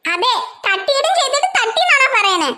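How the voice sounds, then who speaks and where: A woman's voice: very high-pitched, very animated, brisk, heavily acted. A woman voicing a harried cartoon mother who scolds her children and complains to her husband. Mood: scolding. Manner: scolding, exasperated, chatty asides to viewers. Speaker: channel host. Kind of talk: cartoon voice acting. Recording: loud background noise.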